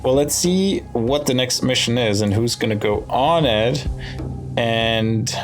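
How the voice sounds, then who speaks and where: A gaming video host with a mid-pitched voice comments casually on his playthrough, moving slowly and unhurriedly. He thinks aloud while weighing his choices, and the game music is clearly audible behind him.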